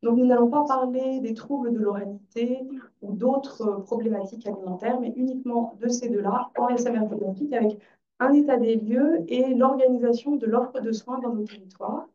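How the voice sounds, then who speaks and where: A woman's voice: fairly high pitch, normal speed, warm tone. A woman moderating a conference session, introducing the topic and speakers. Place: conference room. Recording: distant, dull conference microphone.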